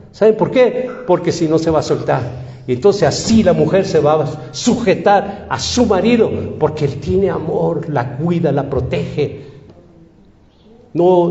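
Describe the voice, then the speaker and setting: A man's voice: fairly high pitch, dark tone. A man preaching a sermon in an emphatic style, asking the congregation repeated rhetorical questions. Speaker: pastor. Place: church hall. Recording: echoey church hall, dull lo-fi sound.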